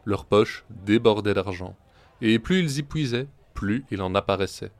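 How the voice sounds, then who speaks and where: A man narrating folk tales in a measured storytelling manner, sometimes slipping into his characters' voices. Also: fairly low pitch, expressive, dry recording.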